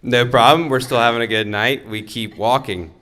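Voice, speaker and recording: A man's voice: on the low side, moderate pace. A young man, the groom's brother, telling a funny story in a wedding toast and laughing along as he goes. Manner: animated storyteller who laughs through his lines.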